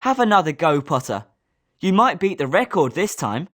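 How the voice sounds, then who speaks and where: With an encouraging mood and moderate pace, this is again a woman acting a confident British schoolboy wizard. The pitch is a touch low and the intonation very lively, right for a competitive, sporty game role.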